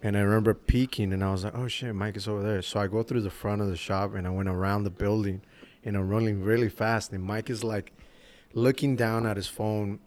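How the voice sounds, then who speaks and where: A man with a lowish voice hosts a casual podcast chat. He is a barber who tells shop stories, swears freely and acts out the quotes with lively energy. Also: brisk. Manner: swears freely, animated storytelling with acted quotes. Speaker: podcast host.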